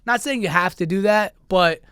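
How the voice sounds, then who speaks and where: A man's voice: sits high, normal speed, a bit bright, smooth, no echo. Chatty young man, dry studio sound. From Queens, New York. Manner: loose and chatty, lots of "like" and "you know". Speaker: podcast guest, content creator. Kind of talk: casual interview chat. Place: podcast studio.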